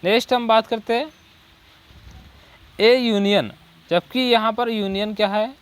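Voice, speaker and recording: A male coaching teacher with a high, clean, steady voice teaches English articles in Hindi. He reads English example sentences slowly and drills with repeated rhetorical questions and "ठीक है."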